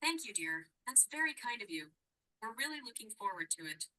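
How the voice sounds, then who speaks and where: A woman's voice: fairly high pitch, very animated, fairly quick, bright, forceful tone, heavily acted. A robot-sounding text-to-speech woman voicing a sweet, polite caller, heard as distant, tinny playback.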